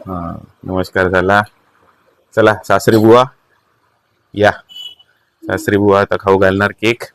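A man's voice: low-pitched, level tone, slow, dry recording. Chatty man hosting a family vlog. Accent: Marathi. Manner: chatty, coaxing and playful. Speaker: vlog host.

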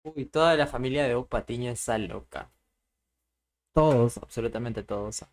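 A man's voice: mid-range voice, moderate pace, music in the background. A young man giving casual commentary as he reacts to a cartoon, speaking close to a microphone indoors. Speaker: reaction video host. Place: small indoor room. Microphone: close boom-arm microphone.

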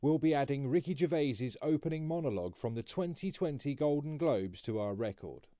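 A man hosting a commentary channel, giving scripted, measured explanations. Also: mid-range voice, expressive, warm tone, slight background noise.

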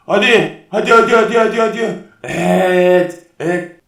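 A woman's voice: fairly low pitch, normal speed, vocal fry, voice pushed down. A woman voicing a male alien boss barking orders in a toy play-acting video. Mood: commanding. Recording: echoey, from far off.

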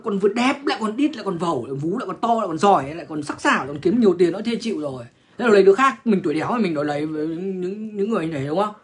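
A man's voice: sits high, lively intonation, very fast, husky. A man, ranting bluntly and crudely to viewers on a livestream. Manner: crude, profane, blunt, lecturing.

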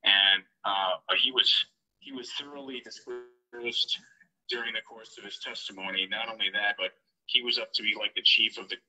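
A man calling in, heard through a phone on speaker, talking in a halting, indignant way with many fillers. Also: lowish voice, steady tone, pushed and bright. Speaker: guest calling in. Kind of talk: casual recounting on a live stream. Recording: dull lo-fi phone sound.

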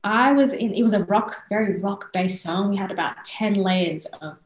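Speaking at medium pitch and normal speed, this Australian singer-songwriter in her thirties is a video-call interview guest using a headset in a small room. The sound is roomy with a little hiss or hum, and she chats animatedly with frequent laughs and restarts.

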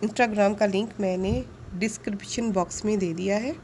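A woman narrating a casual shopping vlog, speaking politely and earnestly, pausing with fillers now and then. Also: mid-range voice, steady tone, a little mellow, slight background noise. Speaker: vlogger.

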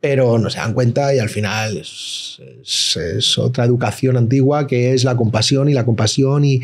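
A man from talks in a gravelly, slightly husky voice. He is in his forties and tells his stories in slangy, animated casual chat, acting out the voices of the people in them. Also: mid-range voice, normal speed. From Madrid, Spain. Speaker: guest, rapper.

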